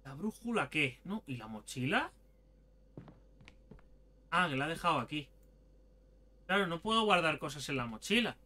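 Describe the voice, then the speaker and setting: A man, excitedly commenting as he plays a game, swearing and talking to himself. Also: fairly high pitch, moderate pace, pauses often. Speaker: gaming video host. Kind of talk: let's play commentary.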